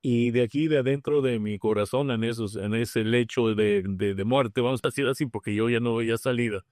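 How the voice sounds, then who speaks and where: A man's voice: mid-range voice, a little fast, a little mellow, no echo, studio quality. A middle-aged man with a Mexican accent, a guest telling his recovery story in frank, slangy speech full of restarts. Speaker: guest, member of Alcoholics Anonymous. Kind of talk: personal recovery testimony in a podcast conversation.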